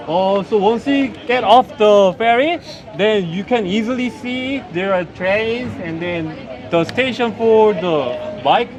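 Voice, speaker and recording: A male tour guide with a Korean accent and a notably high voice explains a route to tourists outdoors at a busy tourist site. His delivery is halting but instructive, and he often checks that he's understood. The live outdoor recording has crowd chatter behind him and cut-off highs.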